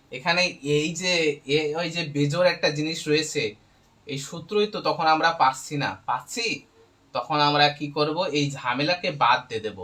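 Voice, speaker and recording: Slow-dictating male logic teacher. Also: fairly high pitch, a bit bright, poor audio. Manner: slow, repetitive step-by-step dictation. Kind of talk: online logic lesson.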